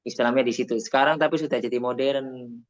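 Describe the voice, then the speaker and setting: A man's voice: mid-range voice, steady tone, a little fast. A man talks casually while teaching Arabic and drifts into personal stories. He drops Arabic phrases into his speech. The recording sounds dull and lo-fi. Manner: chatty, tells personal anecdotes, mixes in Arabic phrases.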